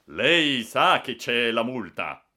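A man's voice: lowish voice, animated, fairly quick, sharp tone. Man doing a stern, officious train official. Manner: firm, officious.

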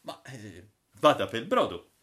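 A man's voice: medium pitch, huge pitch swings, a little slow, a bit bright. A man voicing an incredulous young man from the past who keeps asking questions. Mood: astonished. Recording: roomy echo.

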